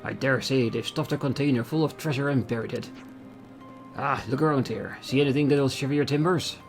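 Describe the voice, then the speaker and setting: Man acting a gruff old sea dog with pirate talk. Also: medium pitch, a little fast, lightly acted. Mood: eager, hearty. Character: gruff salty old male sea dog, boastful treasure hunter. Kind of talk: video game character acting. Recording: game music behind the voice.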